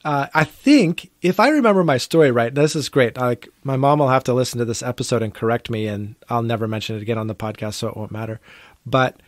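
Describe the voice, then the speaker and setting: A man from Oregon co-hosts a casual podcast chat, reflective and earnest, quick to laugh. His voice sits in a middle register. The sound is dry and close to the mic. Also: medium pitch, dry recording. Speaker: podcast co-host. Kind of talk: casual phone conversation.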